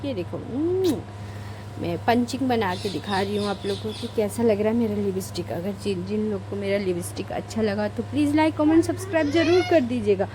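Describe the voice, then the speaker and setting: In her bedroom at home, a young woman vlogs a chatty get-ready-with-me, rambling in a homely way and often correcting herself mid-sentence. Her medium-pitched voice is lively and fairly quick, over a noisy background where a child cries and shouts.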